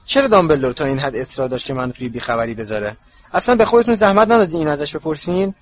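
A man voicing a resentful teenage boy with forced calm and sarcasm in a storybook reading, in a slightly muffled recording with faint hiss. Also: a little high. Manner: strained calm breaking into sarcasm.

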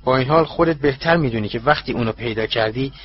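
A man voicing a cruel, ruthless dark master who speaks in a cold, contemptuous, husky voice. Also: mid-range voice, dull audio, natural voice. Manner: cold, slow and menacing, contemptuous. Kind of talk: audiobook character voice.

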